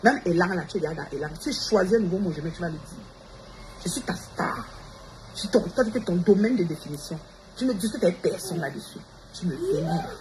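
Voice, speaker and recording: A woman's voice: fairly low pitch, expressive, fast. A woman, ranting defiantly on a livestream and calling out her rivals directly. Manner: defiant, addresses rivals directly with repeated challenges. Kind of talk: confrontational livestream rant. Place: Montreal. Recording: noisy background ambience.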